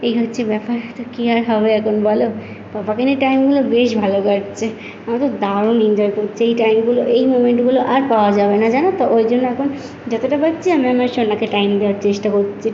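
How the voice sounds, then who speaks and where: A woman's voice: a little high, fast talker, dark tone, slight background noise. A tired young woman, a new mother, chatting casually and rambling to her viewers in a home vlog filmed on a phone. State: tired from lack of sleep. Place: room at home. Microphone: phone camera. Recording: muffled, echoey room recording.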